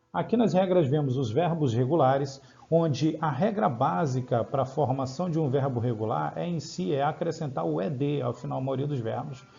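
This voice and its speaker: Gravelly Brazilian teacher explaining grammar. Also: male voice, on the high side, mellow, dull audio. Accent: Brazilian Portuguese. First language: Portuguese. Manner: explains step by step, checks in with "tá?" and "ok?". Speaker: English teacher. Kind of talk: grammar lesson over slides.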